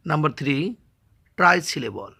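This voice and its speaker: A man with a Bangladeshi accent teaching an English grammar lesson and sounding out words slowly, syllable by syllable. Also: a little high, animated, creaky, sharp tone, slightly rough. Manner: slow, spells words out syllable by syllable.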